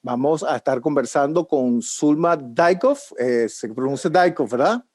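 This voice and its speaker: A man's voice: a little high, expressive, unhurried, a little mellow, no room sound. A man hosting an online panel, asking questions in a friendly, upbeat way. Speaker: host. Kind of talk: panel interview host.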